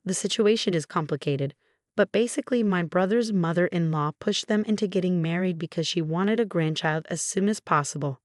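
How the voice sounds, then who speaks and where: A woman reading online forum posts aloud as scripted narration, in an even, measured delivery with no fillers. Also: on the low side, dry recording, studio quality. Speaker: story narrator.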